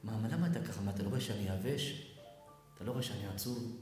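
A rabbi voicing a depressed, parched tree that pleads in a low, quiet, mournful voice, recorded in a very echoey hall. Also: male voice, natural voice. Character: drooping sad old tree, dry and depressed. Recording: very echoey hall with faint music.

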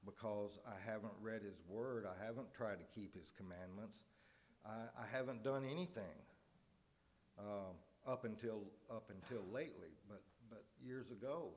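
A man from Tennessee preaches a plain, personal sermon in a somewhat low voice. He talks in halting bursts, repeating words and restarting his sentences. His tone is earnest and confessional. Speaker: lay preacher. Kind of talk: informal sermon.

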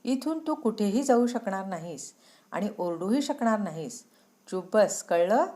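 A woman's voice: medium pitch, animated, unhurried, warm tone, natural voice. A woman voicing a ruthless male villain in a storybook reading, speaking in a cold, threatening way. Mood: cold menacing. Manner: menacing, threatening.

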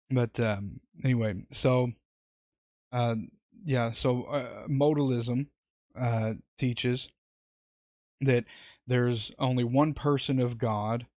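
A man's voice: mid-range voice, dark tone, no room sound. A man hosting a live, unscripted Bible study, rambling with many fillers and restarts as he comments on scripture.

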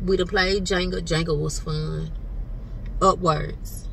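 A woman's voice: lowish voice, fairly even intonation, takes it slowly, creaky. A young woman, chatting straight to her viewers in a casual vlog. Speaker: vlogger. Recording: far from the mic with loud background noise.

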